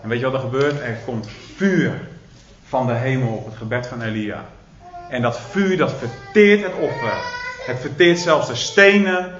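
A man's voice: medium pitch, measured pace, fairly bright tone, soft background music. A man preaching a sermon, retelling a Bible story with dramatic emphasis and hesitant fillers. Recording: roomy, dull recording.

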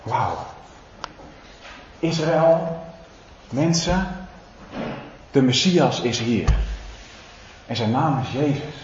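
A man preaching a sermon to a church congregation, swinging from loud proclaiming to low, intimate asides, and speaking to his listeners in a casual, direct way. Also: animated, drawn-out words, long pauses, a little hiss or hum. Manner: emphatic, building to loud proclaiming, then dropping low and intimate. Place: church service. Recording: roomy, slightly dull hall sound.

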